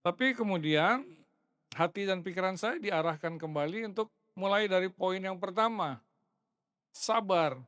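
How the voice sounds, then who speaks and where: A man's voice: high-pitched, measured pace, a bit bright, clean tone, no echo, clean studio sound. A middle-aged man preaching a sermon as a pastor, in a conversational, friendly way that keeps addressing the congregation directly. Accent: Indonesian. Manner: conversational preaching, addresses listeners as brothers, chuckles. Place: church sanctuary.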